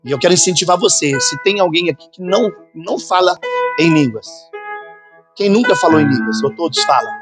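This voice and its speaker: Pastor preaching over music. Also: male voice, fairly high pitch, expressive, fairly quick. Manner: fervent preaching, acts out quoted voices and sounds. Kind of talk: sermon. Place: church conference hall. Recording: sermon with music playing underneath.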